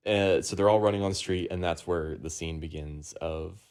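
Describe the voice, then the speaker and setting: Lower-voiced man rambling through a plot recap. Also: normal speed, a little mellow. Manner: rambling, frequent ums and uhs. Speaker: podcast host. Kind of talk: casual plot recap among friends.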